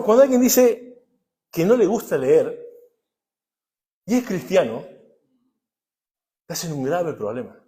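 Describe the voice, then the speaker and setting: A middle-aged male pastor, preaching a sermon. He swings between hushed asides and loud, emphatic bursts, often putting rhetorical questions to the congregation. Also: high-pitched.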